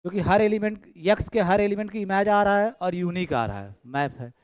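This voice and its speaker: एक पुरुष गणित शिक्षक कक्षा में पढ़ा रहे हैं, बातें दोहराते हुए और छात्रों की कॉपियाँ जाँचते हुए।. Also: male voice, sits high, fairly quick, clear, resonant tone, no room sound. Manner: chatty, repeats phrases, checks students' work aloud. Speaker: maths teacher. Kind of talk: classroom lecture. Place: classroom. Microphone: camera in room.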